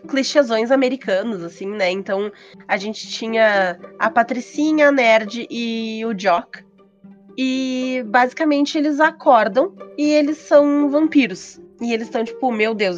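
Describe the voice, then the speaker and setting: A woman co-hosting a casual chat about tabletop games, telling things in an informal storytelling way. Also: on the high side. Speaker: podcast co-host. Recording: slightly muffled, music behind.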